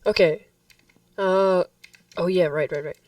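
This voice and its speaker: A man's voice: high voice, slow pace, no room sound, distant mic. A man hosting a casual gameplay tutorial, rambling and correcting himself as he talks to viewers, his voice a little worn. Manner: rambling, self-correcting, addresses viewers as guys. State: slightly losing his voice. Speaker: gaming tutorial host.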